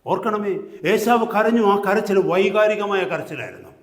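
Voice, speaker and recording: A male pastor preaching a sermon, swinging from quiet talk to loud rising exhortation and slipping slow English phrases into his preaching. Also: sits high, lively intonation. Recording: echoey hall sound.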